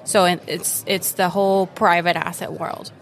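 Low-voiced woman guest from Venezuela. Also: level tone, moderate pace, creaky. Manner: eager, explanatory, frequent fillers. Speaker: guest, retirement account specialist. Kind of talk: conversational interview. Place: busy conference floor.

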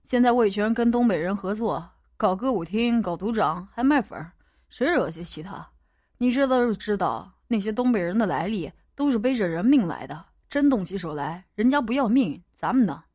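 A woman voicing a gloomy middle-aged male gang boss with a low, blunt and cold manner, as a character in an audiobook. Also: lively intonation, normal speed, darkish tone, no echo, clean studio sound, close to an everyday voice. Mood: grim.

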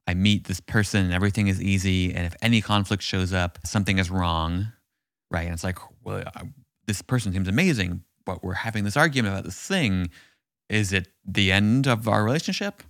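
A man with a low, gravelly voice co-hosting a casual relationship podcast. He muses his way through ideas and encourages listeners warmly. The sound is close and dry, with no room around it. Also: no echo. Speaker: podcast co-host.

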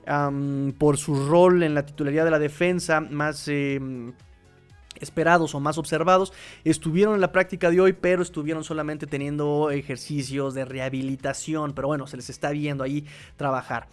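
Excitable man hosting a sports show. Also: a little high, moderate pace, clear, resonant tone, faint music behind. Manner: animated, excitable, with many fillers and restarts. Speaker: podcast host. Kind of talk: casual sports talk, reading viewer comments.

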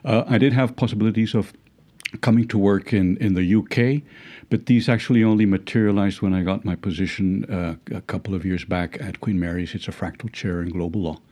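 Reflecting during an interview, a Dutch-accented, middle-aged professor of legal philosophy hesitates often, restarting sentences, using fillers, and chuckling wryly. He talks fairly quickly in a lowish, warm voice with fairly even intonation.

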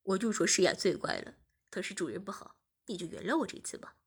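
A woman voicing a teasing young man who talks calmly and coaxingly, in a voice pitched well below her narration. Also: a little fast, breathy edge. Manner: calm, coaxing.

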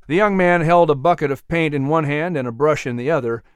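A man narrates an audiobook in a fairly high, smooth voice, reading a dramatic historical tale for children from a script. The pace is brisk, and the recording is very dry and close-miked.

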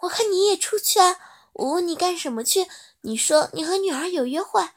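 A woman's voice: very high-pitched, lively intonation, a little fast, pitched above the performer's own voice. A woman voicing a caring, worried widowed mother in a storybook reading, speaking in a coaxing way. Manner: warm, coaxing, concerned.

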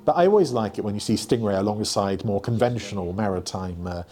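A man's voice: lowish voice, lively intonation, fairly quick, darkish tone, soft background music. A man hosting a casual episode commentary in a wry, musing way. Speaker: host.

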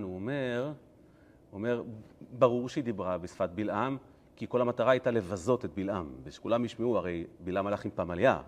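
A male rabbi giving a Torah lesson, telling the story in an animated, humorous way. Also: fairly low pitch.

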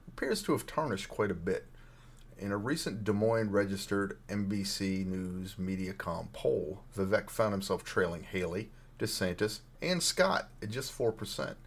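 A man hosting a political news podcast, slightly hoarse with a frog in his throat, reading out news items with a dry, wry edge. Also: lowish voice. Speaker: podcast host.

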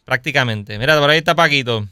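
A man with a Puerto Rican accent hosting a casual livestream chat, lively and greeting viewers as they join. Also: medium pitch, fast, clear, resonant tone, dry recording, clean studio sound. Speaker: podcast host. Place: home at night.

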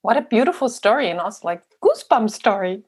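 A woman interviewer responding warmly, affirming with short listening sounds. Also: medium pitch, sing-song, quick pace, husky. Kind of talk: conversational interview.

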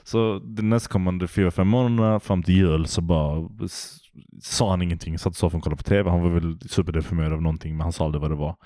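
A man's voice: deep voice, fairly even intonation, hardly any pauses, mellow, no echo, clean studio sound. A man co-hosting a podcast, telling rambling stories in casual chat and laughing often. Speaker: podcast co-host.

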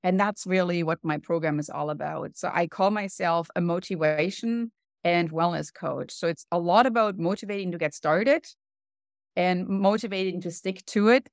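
A woman guest on a podcast, a wellness coach explaining her approach in an earnest way, slowing down to stress points. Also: lowish voice, no echo, clean studio sound. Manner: earnest, explanatory, slows down for emphasis. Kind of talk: podcast interview.

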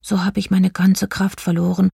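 A woman voicing a small, shy male star in a children's story, speaking softly and partly in a whisper. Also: medium pitch, level tone, moderate pace, gravelly, slightly rough, no room sound, studio quality, pitched above the performer's own voice, heavily acted. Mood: soft, earnest. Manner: soft, half-whispered. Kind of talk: audiobook character voice.

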